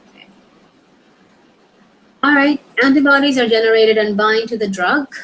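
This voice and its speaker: A woman's voice: medium pitch, a bit bright, a little hiss or hum, poor audio. A young woman reviewing exam questions, reading answer explanations aloud and muttering short asides to herself as she works them out. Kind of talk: thinking aloud while studying.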